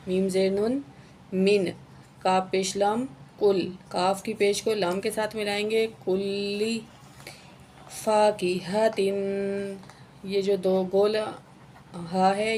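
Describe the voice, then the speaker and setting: Woman teaching Quran reading at a mid pitch, slow drawn-out recitation with spelled-out letters, faint hiss behind. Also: level tone, darkish tone. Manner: spells out letters and vowel marks, then recites each word slowly and drawn out; often adds a checking "okay" after each rule. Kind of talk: word-by-word recitation lesson.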